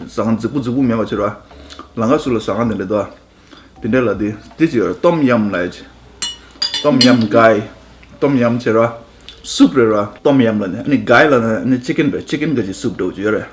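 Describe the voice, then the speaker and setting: Low-pitched guy chatting easy, mixing in english words, laid back. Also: moderate pace. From India. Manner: relaxed, mixes English words into Tibetan. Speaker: husband in a couple's vlog. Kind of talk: casual chat.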